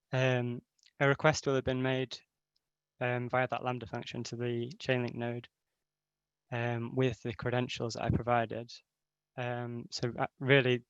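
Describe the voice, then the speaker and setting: Gravelly-voiced man demoing on a video call. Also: mid-range voice, dry recording. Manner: relaxed, with many fillers. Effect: voice heard over a video call while sharing his screen. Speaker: hackathon team member giving a demo. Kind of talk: casual software demo. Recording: dull, dry video call audio.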